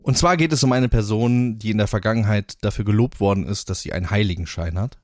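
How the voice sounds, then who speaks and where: A man's voice: fairly low pitch, fast, dry recording, studio quality. Chatty man rambling on a podcast. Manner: rambling, animated when quoting others. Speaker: podcast co-host. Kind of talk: casual chat.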